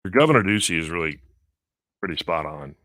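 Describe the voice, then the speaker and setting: A man's voice: sits low, lively intonation, fairly quick, fairly bright tone, no echo, clean studio sound. A man hosting a radio show in casual morning chat.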